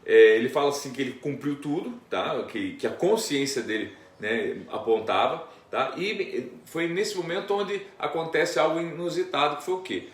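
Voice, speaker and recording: A man's voice: on the high side, animated, moderate pace, hardly any pauses. Man teaching a Bible study, distant echo. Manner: explanatory, many tag questions. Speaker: pastor. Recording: echoey room, distant mic.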